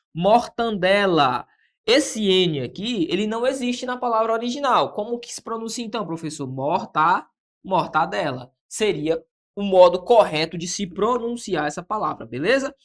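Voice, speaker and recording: A woman with a Brazilian Portuguese accent teaches an exam-prep grammar lesson. She asks her own questions, answers them herself, and keeps checking in with the class. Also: medium pitch. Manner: checks in with "beleza?".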